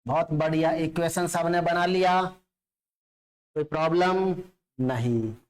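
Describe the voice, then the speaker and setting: A man's voice: a little high, steady tone, slow pace. A male chemistry teacher giving a classroom lecture, explaining step by step and often checking that students follow.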